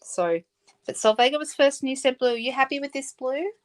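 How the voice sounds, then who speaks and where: A chatty Australian woman hosts a casual craft livestream, demonstrating as she goes, reading viewer comments aloud and correcting herself. Her voice sits high and moves fairly quickly. The recording is low quality.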